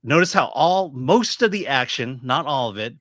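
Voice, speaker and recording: A middle-aged man giving casual movie commentary as a reviewer, explaining his opinions in a halting, opinionated way. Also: mid-range voice, animated, a bit bright, dry recording, clean studio sound. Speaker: film reviewer.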